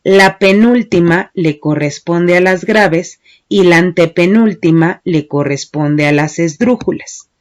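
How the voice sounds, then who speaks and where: A woman's voice: fairly low pitch, a little slow, few pauses. A woman teacher giving a methodical lesson, patiently explaining step by step and counting syllables aloud one by one. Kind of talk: slow, methodical class lecture.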